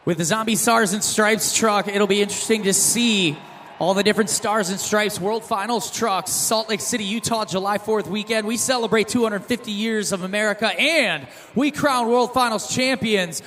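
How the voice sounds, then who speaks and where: A man's voice: sits high, a bit bright, a little hiss or hum. A man working as a hype event announcer and commentator, one of a duelling pair, calling motorsport in an arena and stretching out names and scores. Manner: hyped announcer trading calls with a co-announcer, drawn-out name and score calls.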